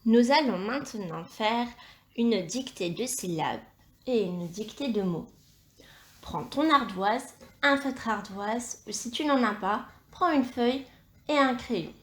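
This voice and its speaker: Slow, patient woman teacher. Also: a little high, animated, a bit bright. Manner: patient, spells out sounds and syllables carefully. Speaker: primary school teacher. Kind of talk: slow, clearly articulated dictation lesson.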